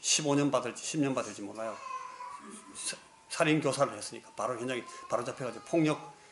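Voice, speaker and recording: Male pastor, sermon, animated storyteller, acts out the scenes, mid-pitched.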